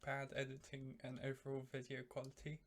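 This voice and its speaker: Guy with a tired worn-out voice walking thru a game build bit by bit, pretty flat and halting. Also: medium pitch. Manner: halting, explains piece by piece with pauses. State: strained, worn-out voice. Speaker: tutorial maker. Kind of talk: step-by-step game building tutorial.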